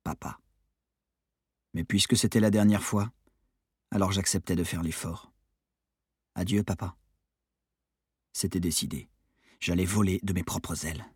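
A man reading a novel aloud as a calm, quiet first-person narrator. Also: low-pitched, measured pace, long pauses, slightly rough, no echo, studio quality. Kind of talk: audiobook narration.

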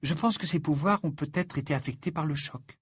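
A man's voice: a little high, fairly quick, breathy edge, dry recording, studio quality, voice pushed up. A man voicing a clever, earnest teenage girl who protests and explains in a storybook reading. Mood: explaining. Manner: earnest, indignant.

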